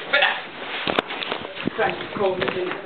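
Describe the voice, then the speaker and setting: A woman chatting casually and excitedly with friends, bossily repeating instructions. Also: lowish voice, a little slow. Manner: bossy, giving repeated instructions. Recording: tinny, echoey, distant, noisy home recording.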